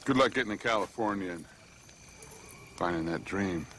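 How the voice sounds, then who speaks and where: Deep-voiced, menacing Old West robber. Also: male voice, lively intonation, a bit bright, slight background noise. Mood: laconic, polite. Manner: slow, laconic, folksy politeness. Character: menacing Old West male robber, falsely courteous drifter. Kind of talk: western film acting.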